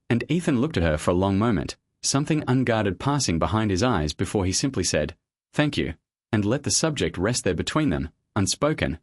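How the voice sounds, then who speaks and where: Man narrating a story in measured tones. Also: on the low side, no room sound, clean studio sound.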